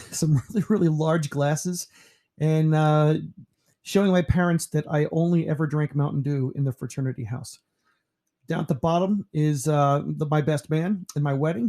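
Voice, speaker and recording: Mellow-voiced man turning fifty. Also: a little high. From New York. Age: 50s. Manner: relaxed, rambling, many fillers. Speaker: teacher. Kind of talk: casual slideshow narration.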